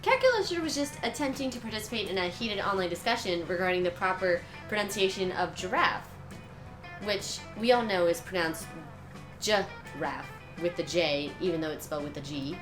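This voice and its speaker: A haughty young aristocrat played by a woman in a tabletop game. Her delivery is posh and disdainful, swinging widely in pitch, with music faintly underneath. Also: expressive, a little fast, natural voice, rough recording. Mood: condescending. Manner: posh aristocrat, grandly condescending. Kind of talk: in-character tabletop game role-play.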